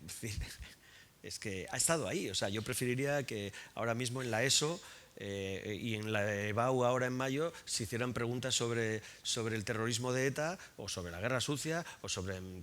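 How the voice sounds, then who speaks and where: A man's voice: mid-range voice, a bit bright, a little hiss or hum. A man talking at a public book presentation, frank and colloquial, who swears often and restarts and repeats words as he thinks aloud.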